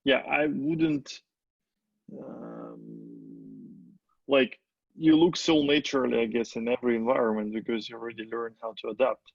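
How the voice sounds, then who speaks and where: A man hosts a webinar in a halting way, full of "like" fillers. His voice has a gravelly fry. The audio is dry and dull, like a video call. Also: medium pitch, very animated, no echo. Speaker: webinar host. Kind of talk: webinar conversation.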